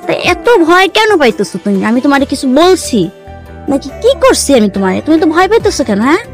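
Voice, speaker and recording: A woman's voice: sits high, very animated, quick pace, soft background music. A young woman acting a bossy girlfriend in a drama, scolding and impatient.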